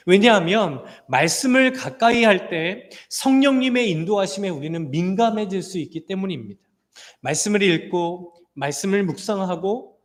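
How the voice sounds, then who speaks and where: A man's voice: high voice, big-room sound. A male pastor giving a sermon in a church, earnest and emphatic, with light storytelling humor. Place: church sanctuary.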